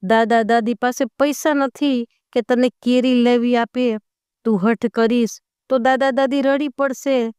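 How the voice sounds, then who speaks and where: A woman voicing a ten-year-old girl gently pleading with her little brother to stop crying. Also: fairly high pitch, fairly even intonation, a little slow, smooth, dry recording, studio quality, lightly acted.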